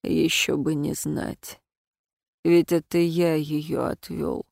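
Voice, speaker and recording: A woman's voice: flat delivery, creaky, warm tone, no echo, clean studio sound, heavily acted. Woman doing a bitter young dragon man. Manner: low, slow, muted and grim.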